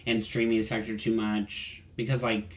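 A man's voice: fairly low pitch, level tone, normal speed. A man co-hosting a casual podcast chat about pop music, rambling with lots of fillers and restarts. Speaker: podcast co-host.

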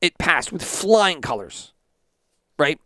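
A man's voice: fairly high pitch, sing-song, slow, sharp tone, dry recording, clean studio sound. A man hosting a sports podcast, ranting indignantly and sarcastically, with plenty of swearing. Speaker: podcast host.

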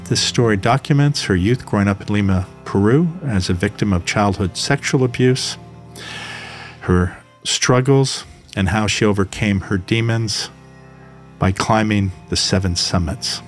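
A man's voice: on the low side, measured pace, soft background music. A man hosting a podcast, introducing and questioning his guest with many fillers. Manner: warm, gently hesitant, with many uh fillers. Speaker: podcast host. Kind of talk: podcast interview.

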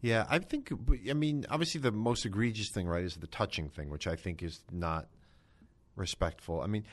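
A man's voice: low voice, normal speed. A man co-hosting a podcast, easygoing and agreeable, chiming in with short affirmations. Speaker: podcast co-host. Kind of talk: casual chat.

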